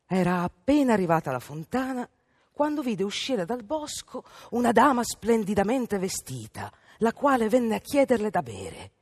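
Animated woman reading a fairy tale. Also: medium pitch, moderate pace, breathy edge, dry recording. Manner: expressive, animated. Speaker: storyteller. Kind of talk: storybook reading on radio.

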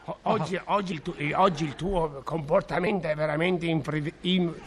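A man's voice: on the high side, steady tone, moderate pace, slight background noise. A man in a comic double act, stammering and fumbling his words. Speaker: comedian.

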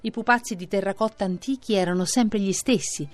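A woman narrating a traditional children's story in an expressive reading voice. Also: medium pitch, brisk.

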